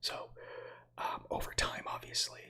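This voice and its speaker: In a breathy whisper, a U.S.-based man in his thirties, whose first language is Slovak, reads space facts as an ASMR streamer. He takes his time, drifting into chatty, meandering asides to his viewers.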